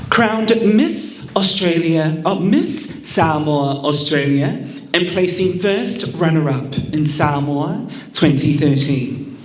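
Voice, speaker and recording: A man working as an event MC, reading formal scripted introductions in a measured way. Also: on the high side. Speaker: event MC introducing pageant judges. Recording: roomy, echoing venue sound.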